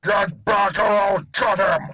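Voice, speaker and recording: A man's voice: high voice, steady tone, takes it slowly. An actor playing a ferocious mutant crocodile man in an audio drama, menacing and full of threats, on a noisy recording. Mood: threatening.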